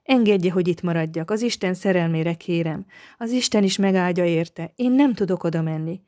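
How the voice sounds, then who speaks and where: A woman's voice: lowish voice, dark tone, close to an everyday voice. A woman voicing a feverish, weak young woman who pleads faintly to be cared for. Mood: weak pleading.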